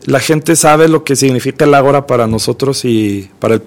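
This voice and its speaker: Gravelly man, rambling. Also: medium pitch, a little fast. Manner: rambling, repeats words while thinking. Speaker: cultural event organizer guest. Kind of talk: casual radio chat.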